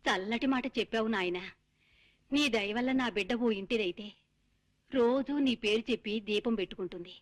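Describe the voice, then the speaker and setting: A woman's voice: mid-range voice, fairly quick, natural voice. An actress playing a frail, hard-of-hearing old mother who fusses and dotes in a film comedy scene. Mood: doting. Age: older. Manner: plaintive, coaxing, calls everyone dear.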